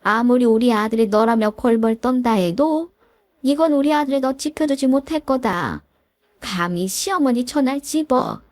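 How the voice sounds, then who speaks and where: Lady doing a bossy nagging mother-in-law, guilt-trips nonstop, highish voice, dry sound. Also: moderate pace, darkish tone, no room sound, lightly acted. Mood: scolding. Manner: scolding, whiny, reproachful. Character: domineering middle-aged mother-in-law, nagging, guilt-tripping.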